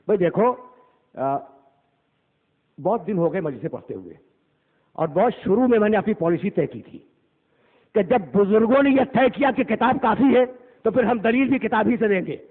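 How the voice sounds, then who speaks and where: A man delivering an impassioned religious sermon in a mourning hall, swinging between loud declaiming and low murmurs and reciting scripture. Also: lively intonation, pauses often. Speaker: Shia cleric delivering a majlis. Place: imambargah hall. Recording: tinny phone-like lo-fi recording.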